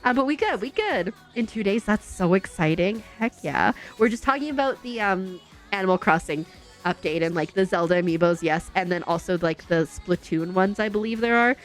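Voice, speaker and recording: A young woman on a game stream chats in an animated, medium-pitched voice at normal speed, upbeat and giggly, narrating to herself as she builds. She sounds slightly congested, and faint music plays behind.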